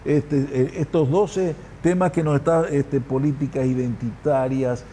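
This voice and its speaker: Guy hosting a talk show, kinda mellow dark voice, lots of um and restarts. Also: mid-range voice, steady tone, slight background noise. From grew up partly in Argentina and Ecuador. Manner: halting, many fillers and restarts. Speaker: radio talk show host. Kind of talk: casual studio conversation.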